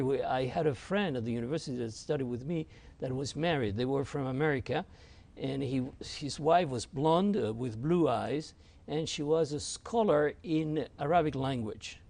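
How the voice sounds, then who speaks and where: A man from Argentina whose first language is French, a rabbi recounting his experiences at an unhurried pace as an interview guest. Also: fairly high pitch, creaky, a little mellow. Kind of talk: reflective storytelling.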